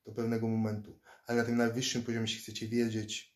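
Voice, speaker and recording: A Polish man in his thirties talks quickly in a lowish, completely flat voice. He chats casually into a close-up phone or laptop camera from a small indoor room, rambling and often repeating words as he starts over. He's a vlogger who fights and teaches self-defense.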